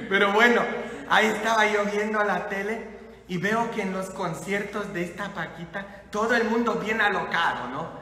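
A man from Poland with a Polish accent, preaching a sermon as a priest in a lively, jokey way. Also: sits high, normal speed. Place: church. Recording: echoey church hall.

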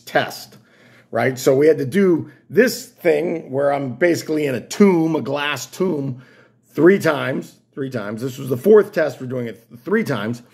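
A man tells a casual story to the camera, rambling and wry, often restarting his sentences. His voice is gravelly and husky. His pitch moves around a lot as he talks. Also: a little mellow. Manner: rambling, self-interrupting, wry. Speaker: vlogger.

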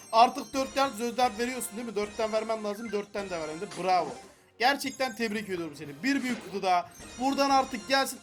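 A young man giving excited gameplay commentary, frustrated and pleading with the game as he opens loot boxes. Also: extremely high pitch. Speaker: gaming YouTuber.

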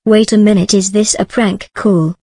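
A woman playing a polite female party clerk who takes bookings in a brisk, businesslike way. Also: mid-range voice, steady tone, warm tone, husky, no echo, clean studio sound. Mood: suspicious.

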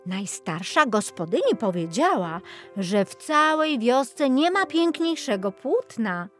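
A vain talking linen cloth from a storybook fairy tale, voiced by a woman reader, exclaiming over its own beauty. The voice sits fairly high and leaps about with lively swoops of pitch. Quiet music plays softly underneath. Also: slow. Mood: proud, boastful. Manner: exclaiming, self-admiring, lively rises in pitch. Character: proud, boastful piece of linen, once a small flax plant. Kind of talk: audiobook fairy tale reading. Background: faint music.

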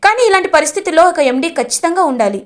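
An authoritative middle-aged male minister in a family drama, voiced by a woman narrator. He speaks formally and deliberately, in a high-pitched voice. Calm and official. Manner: measured, formal.

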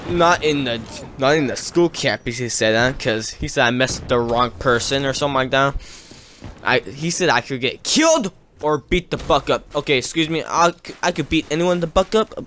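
A man's voice: medium pitch, moderate pace, fairly bright tone, slight background noise. Rambling teenage guy telling a story. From California. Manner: rambling, filler-heavy, laughs between lines. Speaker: gaming YouTuber. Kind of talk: casual storytelling over gameplay.

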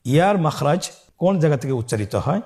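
Man from Bangladesh, Quran tutor, somewhat high pitch, calm methodical lesson delivery. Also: fast, creaky. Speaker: Quran teacher. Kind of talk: recorded reading lesson.

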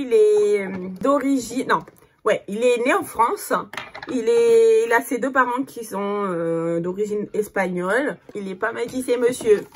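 A woman's voice: fairly high pitch, a little hiss or hum. Chatty woman with a Cape Verdean Portuguese accent. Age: 30s. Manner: chatty, many fillers, distracted by her child. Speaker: vlogger. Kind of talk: casual chat to camera.

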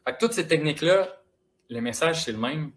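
A young man with a Quebec French accent giving a lively, casual, encouraging motivational talk to students in a school auditorium. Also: a little high, fairly quick. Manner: lively, casual and encouraging, addressing the audience directly. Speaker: motivational speaker.

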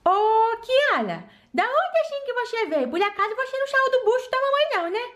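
A woman's voice: very high voice, very animated, brisk, a bit bright, full character voice. A woman doing a sassy, jealous baby-girl doll. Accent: Brazilian Portuguese. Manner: sassy, teasing, babyish. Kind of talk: toy doll play video.

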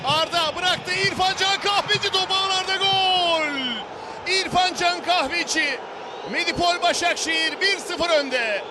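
Man screaming goals on football commentary, really high voice, loud stadium noise behind. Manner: excited, drawn-out goal calls. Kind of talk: screaming live match commentary. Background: roaring stadium crowd.

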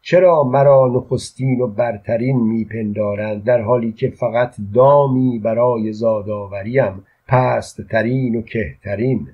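A man reading the part of an unhappy, defiant young queen in an audiobook, in an earnest, quietly intense way with a husky voice. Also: mid-range voice, few pauses, phone-quality sound, natural voice. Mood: bitter.

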